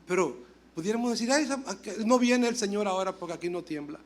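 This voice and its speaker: Animated high-voiced male pastor preaching. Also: quick pace. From Dominican Republic. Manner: animated, swings between loud exclamations and soft asides; acts out dialogue in storytelling. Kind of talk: sermon.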